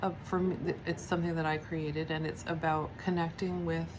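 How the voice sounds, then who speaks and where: A woman giving a spiritual teaching, speaking softly and reflectively, with pauses, fillers and restarts. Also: deep voice, level tone, noisy background. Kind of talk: devotional teaching talk.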